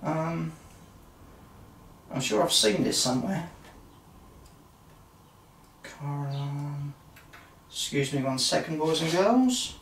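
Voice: medium pitch, sing-song, normal speed, fairly bright tone, slight background noise. A player talking through a solo tabletop wargame, muttering dice sums, humming and chatting to themselves. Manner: mutters dice sums, hums and talks to self. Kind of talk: casual play-by-play of dice rolls. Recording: roomy sound from a distant mic.

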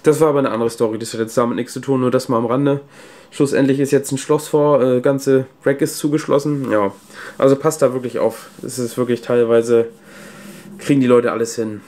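A man with a mid-range, slightly mellow voice talks casually and off the cuff in informal, colloquial speech. He's a video host and PA sound technician doing vlog commentary in indoor venue rooms and a cellar. Background hum and room noise run under the recording.

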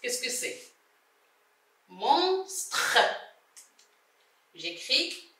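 Slow, bright-voiced woman teacher. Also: high-pitched, sing-song, a little hiss or hum. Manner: sounds out syllables slowly and repeats words. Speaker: primary school teacher. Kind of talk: slow, deliberate reading lesson. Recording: roomy, from a distance, faint music.

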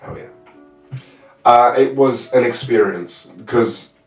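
Speaking slowly at a medium pitch, a young man in his twenties tells stories as a guest in casual chat. The small bedroom setting gives an echoey, off-mic sound with quiet music underneath.

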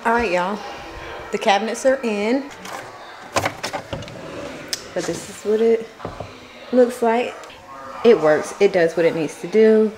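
A woman's voice: medium pitch, slow, long pauses, background noise. An American woman chatting casually and candidly to viewers in a family vlog. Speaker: family vlogger.

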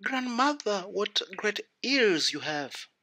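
A man's voice: high-pitched, sing-song, slow, pushed and bright, pitched above the performer's own voice, heavily acted. A man voicing an innocent, polite little girl in a storybook tale, naive and wide-eyed. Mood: wondering. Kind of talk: storybook character voice.

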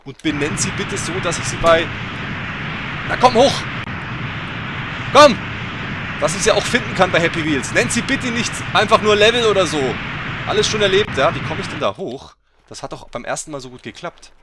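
A fairly high-voiced man gives let's play commentary, swinging his pitch wildly as he reacts. He teases and swears and breaks into sudden yells. Game sounds and clicking are clearly heard under his voice. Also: fast talker, background noise. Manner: excitable, swears, bursts into yells; mocking, teasing banter.

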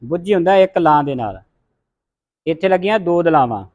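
A Gurbani teacher with a Punjabi accent speaks animatedly and a bit fast in a high-side voice with a darkish tone, and the highs in the recording are cut off. He teaches a class to pronounce scripture, voicing each letter and having the group repeat it in this recitation lesson.

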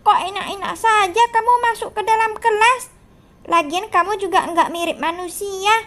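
A woman's voice: extremely high pitch, normal speed, a bit bright. A woman voicing a strict, scolding male schoolteacher in a game role-play. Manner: scolding, bossy.

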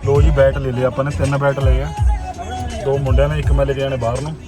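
A man's voice: medium pitch, flat delivery, quick pace, music in the background. A man with a Punjabi accent hosting a casual vlog, narrating and bantering on the go. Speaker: vlogger hosting the video. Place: on the move, in a vehicle and outdoors.

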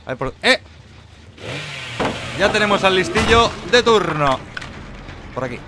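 A man giving live, mocking commentary while playing a horror game, jumping between loud outbursts and low muttering. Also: lively intonation, a little slow, noisy background. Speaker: gameplay streamer.

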